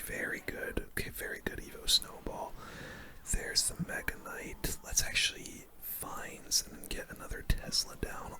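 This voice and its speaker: A streamer gives gaming commentary in a hushed, unvoiced ASMR whisper, breathy and close to the mic, using informal, slangy phrasing.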